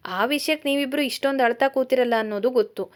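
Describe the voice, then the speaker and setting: A woman's voice: high-pitched, fast, natural voice. A woman voicing a moody, brooding young man who speaks curtly and impatiently, in a storybook reading. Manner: curt, impatient.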